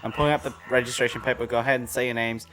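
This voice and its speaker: A man's voice: mid-range voice, steady tone, very fast, fairly bright tone, faint music behind. A man hosting a casual gaming livestream, reading out quiz questions, laughing easily and upbeat. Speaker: livestream host and quiz master.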